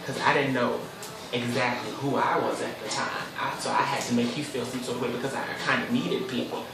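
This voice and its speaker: Hosting his own casual solo talk show, a chatty man in his twenties talks things through at length in a steady, brisk voice of ordinary male pitch, sometimes breaking into sudden high squeals. He sits far from the mic in a very echoey room, with music underneath.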